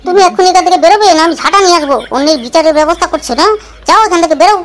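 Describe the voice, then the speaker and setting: A woman voicing a nagging housewife in a cartoon, scolding her husband in rapid bursts. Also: extremely high pitch, fairly bright tone. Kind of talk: cartoon voice acting.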